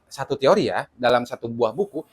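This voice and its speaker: Male host, casual chat, lively and questioning, middle pitch. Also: a little fast, breathy edge. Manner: lively, asks questions and builds on answers. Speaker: podcast host.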